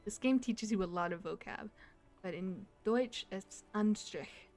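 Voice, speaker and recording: A woman's voice: medium pitch, a little slow, darkish tone, soft background music. Giggly woman playing a game. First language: German. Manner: giggly, chatty. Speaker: let's play host. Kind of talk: gaming let's play, reading dialogue aloud.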